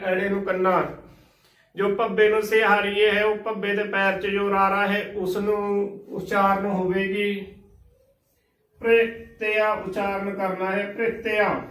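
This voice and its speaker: Slow, high-voiced man teaching pronunciation. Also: a bit bright, roomy sound, recorded from a distance. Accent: Punjabi. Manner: patient, spells words letter by letter and repeats the correct form. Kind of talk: recorded instructional lesson.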